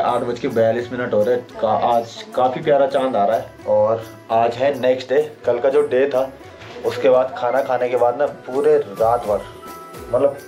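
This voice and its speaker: With a mellow, medium-pitched voice, a vlogger in his 20s from Uttarakhand, India, talks playfully to his viewers. The casual vlog moves through a village house kitchen and stone courtyard, and music plays beneath him.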